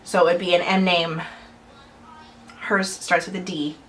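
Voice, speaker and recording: Young woman, vlogger, bright forceful tone, rambling chat, light laughs. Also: fairly low pitch, little pitch movement, measured pace, slight background noise, rough recording. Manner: chatty and rambling, with frequent small laughs. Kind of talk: casual chat to camera.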